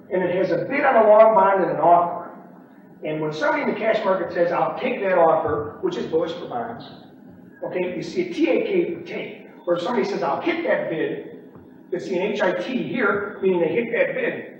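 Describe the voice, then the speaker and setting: Man, high-pitched, lectures traders emphatically, mic far off in a very echoey room, dull sound. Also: expressive, brisk. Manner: emphatic, repeats "okay?" and acts out pit shouts. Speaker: bond pit trader teaching trading. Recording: distant, dull, echoey room recording with faint noise.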